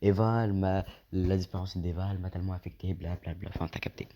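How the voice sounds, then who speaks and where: Deep-voiced, rambling young-sounding man. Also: fairly even intonation, fast, highs cut off. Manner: rambling, talkative and slangy. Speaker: gaming YouTuber. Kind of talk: let's play commentary, reading game lines aloud.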